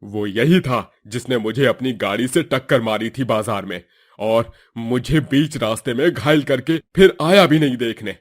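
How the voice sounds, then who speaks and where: A man's voice: mid-range voice, unhurried, natural voice. A man voicing an injured middle-aged father in a cartoon, speaking harshly and reproachfully. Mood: bitter. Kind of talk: Hindi cartoon voice acting.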